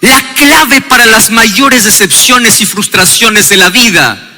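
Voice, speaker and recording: High-voiced preacher in a reverberant hall. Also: male voice, lively intonation, slow, faint music behind. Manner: preaching with call-and-response, rising to shouts. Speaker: pastor. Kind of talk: sermon.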